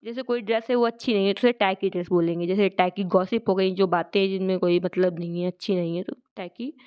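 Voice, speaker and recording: A woman explaining English words in a lesson, speaking Hindi as her first language and reading out English definitions slowly and deliberately. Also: mid-range voice, fairly even intonation, smooth, lo-fi sound. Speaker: vocabulary teacher.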